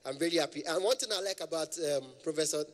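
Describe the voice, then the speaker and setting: Stand-up: young Nigerian man, event MC, playful and formal, slightly high voice. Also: fast, in a large hall. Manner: playful, flattering, addresses the audience formally. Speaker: comedian and MC.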